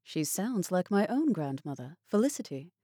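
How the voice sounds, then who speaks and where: A woman voicing a kind, courteous young gentleman who speaks calmly and reassuringly. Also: on the low side, moderate pace, dry recording, studio quality, voice pushed up.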